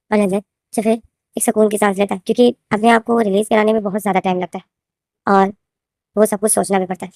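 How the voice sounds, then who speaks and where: In a dry studio-quality recording, a woman with a mid-range, darkish voice and a sore throat narrates her own fanfiction. She chats casually with her viewers, calling them "guys," rambling and circling back over the same names and phrases.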